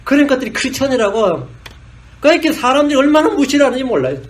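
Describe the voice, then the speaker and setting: A man's voice: very high-pitched, big pitch swings, fast. A man who is a pastor, preaching a blunt, scolding sermon, acting out little dialogues with coarse slang and laughter.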